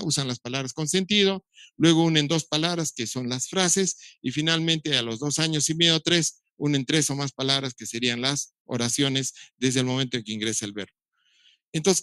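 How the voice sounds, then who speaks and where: With a voice a little high, a bit bright and clean in tone, a middle-aged doctor records a lecture on children's speech development, free of room sound. He lays things out step by step, imitating baby sounds and adding dry humor.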